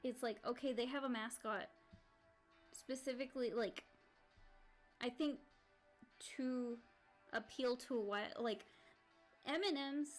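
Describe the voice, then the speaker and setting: Rambling woman streamer, slightly high voice. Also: a little slow, pauses often. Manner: rambling, full of "like" and restarts. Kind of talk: casual stream chat while drawing. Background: faint background music.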